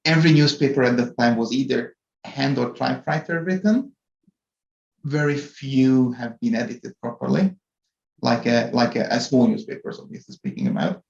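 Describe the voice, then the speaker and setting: A middle-pitched man in his forties with a Hungarian accent and a gravelly, fry-edged voice, speaking in a measured, deliberate way. He is a guest on a podcast interview. The audio is dull and lo-fi in a roomy space. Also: lively intonation. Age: 40s. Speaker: guest executive.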